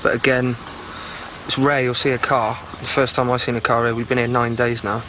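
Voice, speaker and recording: Brit marine chatting on sentry, slangy, pretty flat tone, very noisy outdoors. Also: male voice, mid-range voice, normal speed. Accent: British. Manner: understated, slangy. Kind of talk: casual interview. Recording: loud outdoor background noise.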